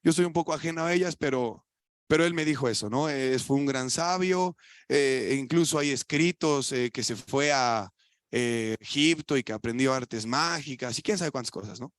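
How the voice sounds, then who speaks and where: A young adult man with a Mexican Spanish accent preaching a sermon in a church, colloquial, asking the audience rhetorical questions and swinging between loud emphatic lines and quiet asides. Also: mid-range voice, normal speed, no room sound.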